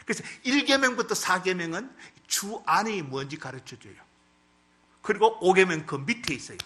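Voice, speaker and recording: A male pastor preaching a sermon, telling a story dramatically with big swings in loudness. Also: sits high, expressive, moderate pace.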